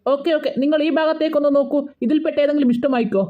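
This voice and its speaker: A woman voicing a polite, brisk saleswoman in a cartoon. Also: high-pitched, steady tone, lightly acted. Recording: dull lo-fi sound.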